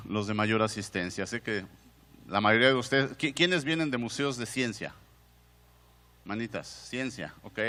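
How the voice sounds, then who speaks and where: Bright-voiced Mexican man lecturing in a hall. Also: mid-range voice. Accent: Mexican Spanish. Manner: conversational, asks the audience questions, frequent restarts. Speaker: museum director giving a conference talk. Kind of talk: conference lecture. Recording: long hall reverb.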